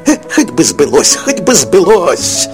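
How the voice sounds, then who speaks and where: A man's voice: a little high, wildly swooping pitch, measured pace, over music, pitched above the performer's own voice. A man voicing a lonely old village witch woman who cackles and wheedles. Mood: pleading.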